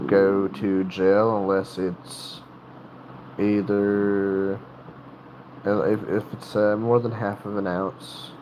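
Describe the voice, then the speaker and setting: A livestream host from North Carolina talks in a low, somewhat mellow voice with a Southern accent. The low-quality recording has slight background noise, and his casual chat rambles, stalls and restarts many times.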